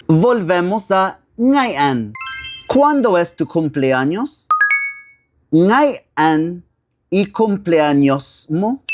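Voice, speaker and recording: Slow, patient woman teaching vocabulary. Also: lowish voice, noisy background. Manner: slow, repeats each phrase for practice. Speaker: language teacher. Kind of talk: recorded language lesson. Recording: music playing underneath.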